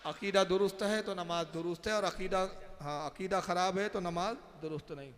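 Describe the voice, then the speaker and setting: A man's voice: sits high, steady tone, brisk, big-room sound. A man who is an Islamic scholar, giving an emphatic religious lecture and answering questions from listeners. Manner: emphatic, rising to stressed points and answering audience questions.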